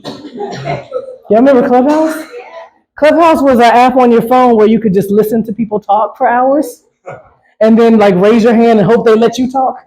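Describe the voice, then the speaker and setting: Loose and profane on stage, a female stand-up comic keeps turning to the crowd with "right?" to win their agreement. She speaks at a normal speed in a slightly high, warm, steady voice, with long pauses, in a low-quality recording.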